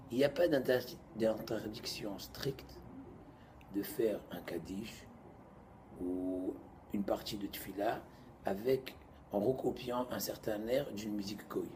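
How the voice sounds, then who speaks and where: A man, teaching an informal Torah class to students in an animated, joking way, moving between loud bursts and quiet asides. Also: on the low side, slight background noise.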